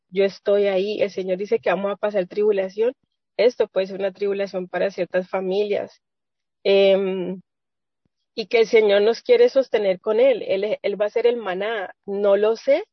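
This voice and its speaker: A woman's voice: medium pitch, no room sound. A woman sharing an earnest, rambling faith testimony with women of her church on a video call, with many restarts. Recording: dull lo-fi video call audio.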